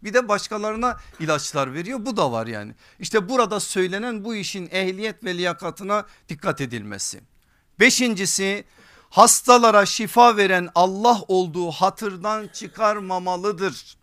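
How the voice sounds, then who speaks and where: A man's voice: high-pitched, pushed and bright, clean tone. A man preaching a sermon from a pulpit microphone, emphatic, repeating his points and checking with rhetorical questions.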